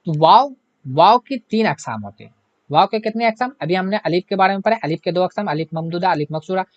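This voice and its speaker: A man's voice: high-pitched, animated, fairly quick, no echo, muffled recording. A man teaching an online grammar lesson, asking the class questions and answering them himself, with a repeated "hai na". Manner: repetitive, keeps adding "hai na".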